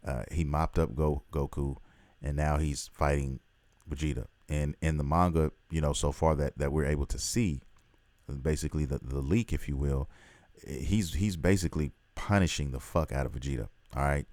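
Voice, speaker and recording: A man with a very deep voice hosts a casual vlog and rambles with excitement, swearing freely. His voice sounds dry and close, with little room around it. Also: moderate pace, no room sound. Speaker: host.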